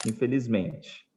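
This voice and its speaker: A man with a Brazilian Portuguese accent teaching an online English class, patiently spelling out examples slowly. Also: mid-range voice, warm tone, slight background noise.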